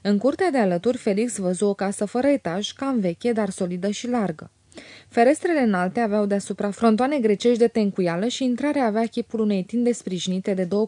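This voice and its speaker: A woman narrating a classic novel as an audiobook in a measured, even way. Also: mid-range voice, dry recording.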